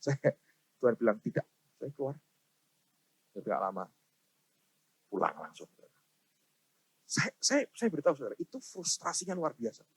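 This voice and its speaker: A middle-aged man preaching a sermon, telling stories to the congregation with dramatic swings from hushed to loud. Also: mid-range voice, wildly swooping pitch, moderate pace, vocal fry, long pauses, slightly rough, dry recording. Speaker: pastor.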